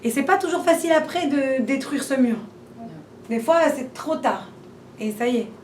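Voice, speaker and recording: Her high-pitched voice is animated and a little mellow, moving at a moderate pace, as this woman leads an informal class full of chatty rhetorical questions, repetitions and restarts. The recording, made in the room where she teaches, sounds roomy and distant, with faint background noise.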